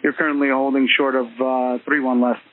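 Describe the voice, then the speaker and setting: A man's voice: mid-range voice, level tone, a little fast. A man working as an air traffic tower controller, speaking in clipped phraseology over aviation radio. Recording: tinny narrowband radio transmission.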